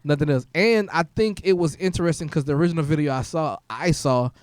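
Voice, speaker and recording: A man hosting a podcast, talking casually with halting restarts and lively shifts in tone. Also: a little high, no echo. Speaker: podcast host. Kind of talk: casual chat.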